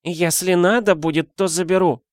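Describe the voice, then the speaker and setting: A man voicing a stern, sharp-tongued old village woman who scolds and warns. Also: sits high, steady tone, moderate pace, dry recording, studio quality, pitched above the performer's own voice, lightly acted. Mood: stern, scolding. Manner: scolding, warning.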